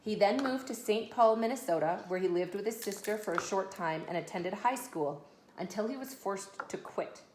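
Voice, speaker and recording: At home in an echoey room, a mother reads a children's biography aloud to her kids, tossing in casual asides. Her mid-range voice moves at a moderate pace, and faint background noise can be heard.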